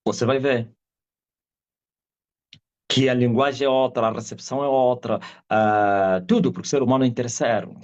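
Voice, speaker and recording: A middle-aged man with an Angolan Portuguese accent, an apostle giving an animated testimony sermon over a live video call. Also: mid-range voice, normal speed, long pauses. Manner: animated storyteller, acts out quoted voices and shouts. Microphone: video call audio. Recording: dull lo-fi video call audio.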